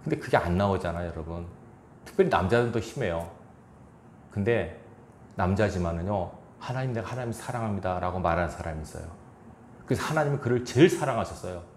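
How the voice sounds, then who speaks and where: Lively low-voiced male pastor preaching. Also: fast, reverberant, slight background noise. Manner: lively preaching with chuckles, acts out quoted lines. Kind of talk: sermon. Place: church sanctuary.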